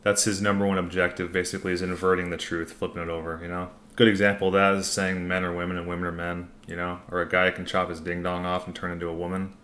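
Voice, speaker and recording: A man's voice: sits low, little pitch movement, fast talker, few pauses, fairly bright tone, a little hiss or hum. A man hosting a casual livestream Q&A, reading out comments and answering in a laid-back, informal, rambling way. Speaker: livestream host.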